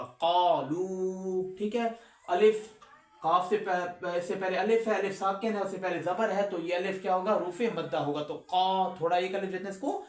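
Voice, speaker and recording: A man teaching recitation rules, who recites verses slowly and drawn out between quick explanations and asks his students questions. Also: sits high, reverberant. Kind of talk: recorded lesson with slow recitation.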